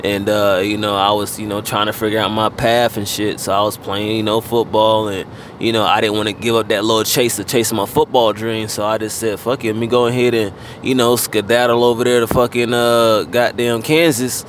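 A man in his thirties from Fort Lauderdale, a rapper talking in a relaxed, casual way, full of fillers and loose swearing. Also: lowish voice, fairly quick, slight background noise. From Fort Lauderdale, Florida. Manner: laid-back, heavy on fillers and casual swearing. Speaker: guest rapper. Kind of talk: casual interview chat.

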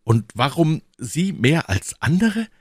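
A man's voice: on the high side, big pitch swings, slow, breathy edge, dry recording, clean studio sound, voice pushed up, heavily acted. A man doing a young, proud, hot-headed guardsman. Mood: alarmed. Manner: eager, indignant outbursts. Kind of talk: audiobook character voice.

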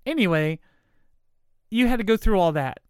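A woman's voice: medium pitch, animated, normal speed, clear, resonant tone, no room sound, studio quality. A middle-aged American woman in a casual, rambling, apologetic monologue, emphatic at times, her speech slightly impeded by dental aligners. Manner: rambling, circling back, apologetic.

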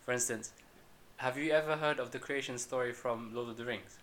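A man co-hosts a podcast, chatting casually at a quick clip. His voice is of ordinary male pitch, with some hiss behind it. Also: fairly bright tone. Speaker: podcast co-host. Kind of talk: casual chat. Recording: clear background hiss.

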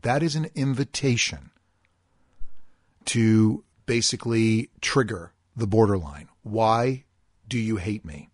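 A middle-aged man hosting a podcast, talking in an earnest, deliberate way and stretching out key words as he reads a listener's post. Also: fairly low pitch, no echo, studio quality. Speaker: podcast host. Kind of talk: podcast monologue reading a listener posting.

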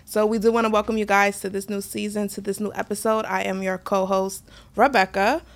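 A woman in her twenties co-hosts a podcast in relaxed, casual talk. She is chatty and keeps things light with quick asides. She grew up in the United States. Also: medium pitch. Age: 20s. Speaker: podcast co-host. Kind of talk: casual chat.

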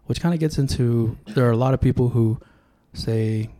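Warm in tone and moderate in pace, a man's mid-range voice carries a reflective, story-driven conversation on a casual podcast. He is a political candidate from Sacramento, California, and Tongan was his first language.

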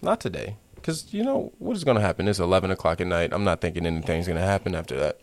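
A young man co-hosting a podcast, telling an embarrassing story in a laid-back, deadpan way. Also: low-pitched, fast, no room sound. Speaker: podcast co-host.

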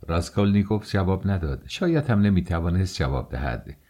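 Deep-voiced male audiobook narrator. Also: lively intonation, dark tone, husky. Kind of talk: scripted narration.

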